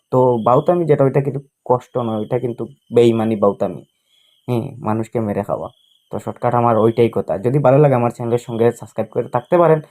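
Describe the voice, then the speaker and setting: A man, an occult practitioner giving a casual instructional talk to his viewers. He speaks in short, halting phrases, repeats himself often and scolds the audience. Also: medium pitch, mellow. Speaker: occult practitioner and spiritual healer.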